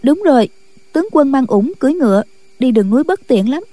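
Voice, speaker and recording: A woman reading the lines of a gentle, meek young nun with a soft, earnest manner. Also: sits high, animated, quick pace.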